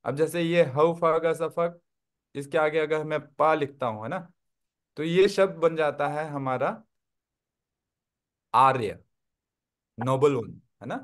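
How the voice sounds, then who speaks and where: A man's voice: a little high, slow pace, pauses often. A man teaching a Tibetan script class online, explaining step by step and often checking that his listeners follow. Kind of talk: online language lesson.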